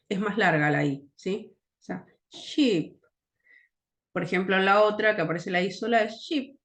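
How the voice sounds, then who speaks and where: A woman with a Rioplatense Spanish accent teaching an English grammar lesson, explaining patiently, often checking in with "¿sí?" and repeating English words slowly to model their pronunciation. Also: mid-range voice.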